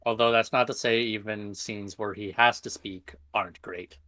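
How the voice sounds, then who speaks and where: A man's voice: fairly low pitch, steady tone, moderate pace, sharp tone, no echo, studio quality. A man on a casual voice chat who talks in an opinionated, emphatic way. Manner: opinionated, emphatic movie fan. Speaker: streamer.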